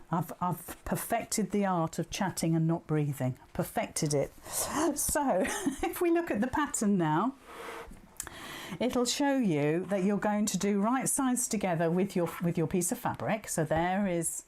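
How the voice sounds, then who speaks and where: Her voice is lowish with a darkish tone as she gives a live craft demo, working indoors at a sewing machine as a tutor. Chatty and self-deprecating with the viewers, she talks through every step and keeps asking "okay."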